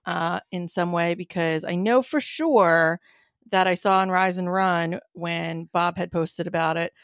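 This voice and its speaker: A woman co-hosting a running podcast, chatting casually with lots of fillers and an animated way of talking. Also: on the low side, unhurried, no echo, studio quality. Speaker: podcast co-host, race organizer. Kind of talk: casual chat.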